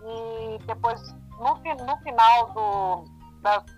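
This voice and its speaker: A woman's voice: a little high, slow, highs cut off, soft background music. A Brazilian woman, a guest, chatting emphatically and chiming in to agree. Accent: Brazilian Portuguese. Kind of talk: casual chat.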